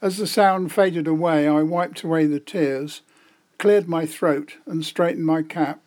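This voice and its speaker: A man's voice: a little high, measured pace, a little mellow. A man in his seventies telling a scripted personal memory in a wry, self-deprecating way. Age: 70s. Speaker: storyteller.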